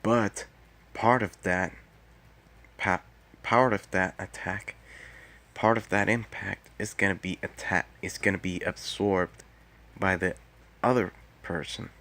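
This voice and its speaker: A man talking casually on his own in a quiet, subdued late-night manner, explaining technique and halting often mid-phrase. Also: low-pitched, steady tone. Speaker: martial arts vlogger. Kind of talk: casual solo talk explaining fighting technique.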